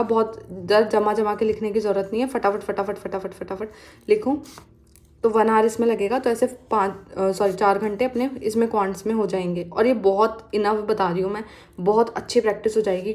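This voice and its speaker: A woman's voice: fairly high pitch, mellow. A young woman vlogger giving casual exam study advice, chatty and mixing English phrases into her talk.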